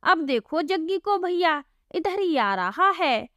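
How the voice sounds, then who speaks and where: A woman's voice: very high voice, big pitch swings, slow, fairly bright tone, no room sound, clean studio sound, pitched above the performer's own voice, heavily acted. A woman voicing Gabru, a simple-hearted young village laborer, talking earnestly and pleading.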